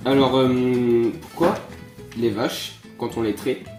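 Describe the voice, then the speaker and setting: A man's voice: mid-range voice, fairly even intonation, slow, darkish tone. A man telling jokes casually and hesitantly, explaining as he goes. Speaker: participant in a joke duel. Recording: roomy echo, guitar music behind.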